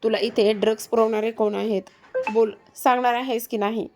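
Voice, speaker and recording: A woman's voice: on the high side, steady tone, darkish tone, faint music behind, lightly acted. Woman reading a stern police inspector. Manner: brisk, demanding.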